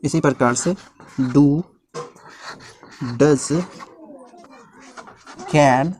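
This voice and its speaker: Mellow-voiced male grammar teacher. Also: medium pitch, a little hiss or hum. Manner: spells words letter by letter and repeats them slowly; patient, repetitive teaching. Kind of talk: classroom explanation.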